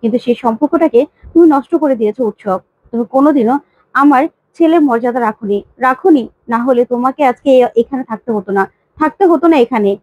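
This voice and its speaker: A woman's voice: high voice, fast, no room sound, narrow, tinny audio. A woman voicing a grieving, stern middle-aged father who laments and demands the truth.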